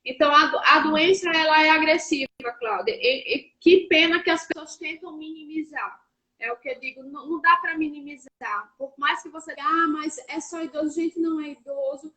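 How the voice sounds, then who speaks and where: A woman in her thirties with a high voice tells an emotional religious testimony, earnest and heartfelt. Her voice breaks now and then as she speaks, heard through a video call. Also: steady tone, fairly quick, pushed and bright, low-quality recording. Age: 30s. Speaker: guest sharing testimony.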